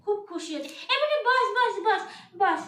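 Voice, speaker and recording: A woman vlogger chatting casually with her viewers, animated and teasing. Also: very high voice, normal speed, echoey room. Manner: animated, scolding and teasing by turns. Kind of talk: casual vlog chat addressed to viewers.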